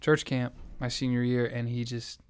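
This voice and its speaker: This earnest young man from the American South, a young adult, gives his personal testimony in an interview at a normal speed. He sounds reflective and conversational, with a smooth, clear voice whose pitch stays fairly flat and even.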